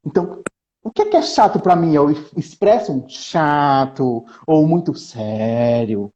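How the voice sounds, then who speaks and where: A researcher joins a live stream as a guest for a casual chat, animated and dramatizing lines from a book with shifting intonation. His voice is fairly high-pitched and a little slow, and the recording is muffled.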